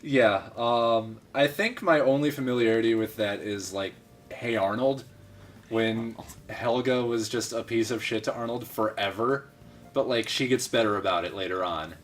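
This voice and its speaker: A man's voice: medium pitch, normal speed. A man playing through a game on a let's play, chatting in a wry, incredulous, easily amused way. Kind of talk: casual let's play banter.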